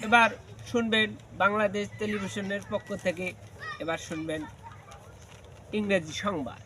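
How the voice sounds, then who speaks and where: Man doing a high, bright parody news anchor, Bangladeshi. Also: moderate pace, a little hiss or hum. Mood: mock-solemn. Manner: parody news anchor, formal declaiming delivery. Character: mock-solemn male TV news anchor reading absurd headlines. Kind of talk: parody news bulletin reading.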